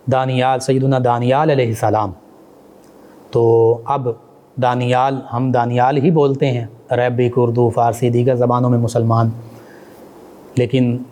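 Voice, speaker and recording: A man giving a religious lecture in a measured, explanatory way. He pauses often with hesitant fillers and adds reverent honorifics to names. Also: mid-range voice, warm tone. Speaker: religious scholar.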